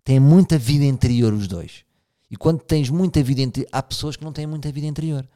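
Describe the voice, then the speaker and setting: He talks fast, with a medium pitch and a dark tone. The speaker is a podcast host in his thirties with a European Portuguese accent, musing through a casual monologue with many restarts while addressing listeners directly.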